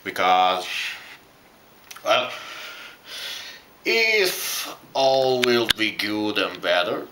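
A man speaking through a face mask while casually reviewing a costume, halting often with pauses. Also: fairly low pitch, very animated, pushed and bright, slight background noise. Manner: halting, with frequent "well" pauses. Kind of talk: casual product review vlog.

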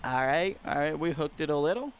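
A young man giving casual, excitable commentary while playing a baseball video game and talking to his viewers. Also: on the high side, fairly quick, vocal fry, slight background noise. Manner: excitable, talks to viewers and the screen. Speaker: gamer.

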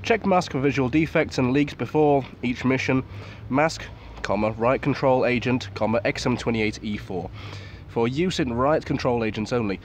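Speaking at medium pitch and a moderate pace with hardly any pauses, a man gives an unscripted, casual review of a military surplus gas mask. His manner is understated, with swearing and muttered asides. It's recorded outdoors in a night-time garden, with clear background noise.

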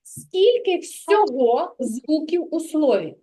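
A woman leads a reading lesson for a small child in a kindergarten classroom. Her voice sits high and she speaks slowly, patient and encouraging as she asks simple questions about sounds and syllables. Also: big pitch swings, mellow. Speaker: preschool teacher.

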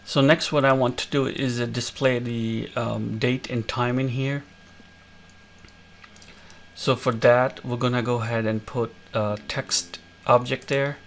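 A man hosting a screen-recorded coding tutorial, explaining each step in a relaxed way with many fillers. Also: medium pitch, a little slow, slight background noise. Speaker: tutorial host.

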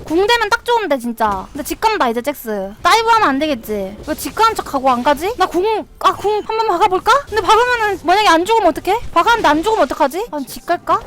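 A young woman with a very high voice gives live commentary while she plays a game. She chatters to herself and keeps breaking into excited shouts at the action. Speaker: game streamer.

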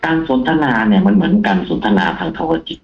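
A man, a taxi driver, telling a ghost story in a casual, animated way on a live show. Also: low-pitched, fast, roomy sound, muffled recording, soft background music. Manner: animated, acts out the quoted lines himself.

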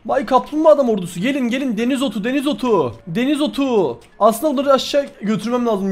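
A man giving playful, theatrical commentary on his own game, addressing viewers and in-game animals in a mock-dramatic tone. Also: very high voice. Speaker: gaming YouTuber. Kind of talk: playful Minecraft let's-play commentary.

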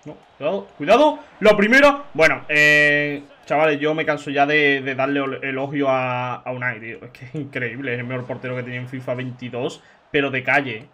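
A young man from giving excitable, chatty football video game commentary, shouting at big chances. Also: mid-range voice, a little fast. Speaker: gaming YouTuber. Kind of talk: let's-play commentary.

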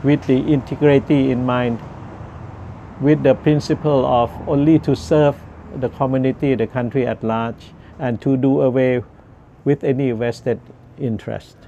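A man in his sixties with a Thai accent gives earnest political commentary in deliberate short phrases with pauses, speaking into a lapel mic. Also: mid-range voice, steady tone, vocal fry, warm tone, dull audio. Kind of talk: measured monologue commentary to camera. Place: outdoors on a garden bench. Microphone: lapel microphone. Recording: outdoor ambient noise.

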